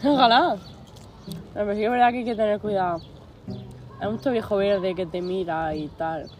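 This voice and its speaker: A woman hosting a casual podcast, tossing in quick jokes. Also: medium pitch, steady tone, mellow. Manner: joking quick remarks. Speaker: podcast host. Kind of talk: casual chat. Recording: noisy background.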